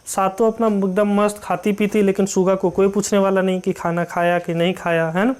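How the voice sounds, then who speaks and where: A teacher walks through a folk tale line by line. The dialect phrases come out slow and deliberate, and each one is followed by a plain, filler-heavy explanation for exam students. The pitch sits in an ordinary middle range. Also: flat delivery, a little mellow, smooth. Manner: reads dialect lines slowly, then explains them in plain words with many fillers.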